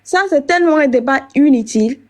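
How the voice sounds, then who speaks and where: Woman debater, firm and repetitive, high voice. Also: brisk, noisy background. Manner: firm, repeats herself, interrupts. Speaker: debate participant. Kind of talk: heated religious debate.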